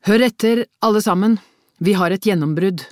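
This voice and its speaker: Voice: medium pitch, no room sound, pitched above the performer's own voice, close to an everyday voice. Male police chief, urgent and commanding, barking orders; read by the narrator, dry close audiobook sound. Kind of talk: audiobook character voice.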